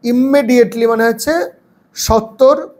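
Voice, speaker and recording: A man teaching an English grammar lesson. He reads English sentences slowly, then translates and explains them. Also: very high-pitched, a little mellow.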